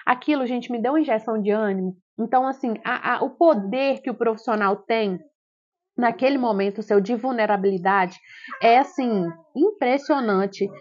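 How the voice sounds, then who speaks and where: A young woman with a Brazilian Portuguese accent, vlogging and telling a personal story in an animated, exclamatory way. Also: fairly high pitch, moderate pace. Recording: dull lo-fi sound.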